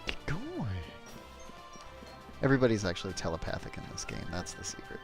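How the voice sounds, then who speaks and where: A man's voice: low-pitched, lively intonation, racing, creaky. A man hosting a let's play, giving casual, sweary and jokey commentary that pokes fun at the game. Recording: game music behind voice.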